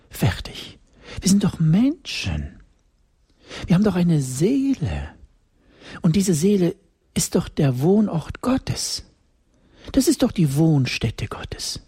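Middle-aged preacher, emphatic sermon, repeats lines, whispers for effect, very breathy voice, dry close sound. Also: mid-range voice, mellow, dry recording.

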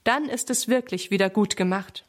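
A woman's voice: mid-range voice, moderate pace, lightly acted. A woman voicing a shy but honest little boy lamb in a children's storybook, speaking eagerly and earnestly.

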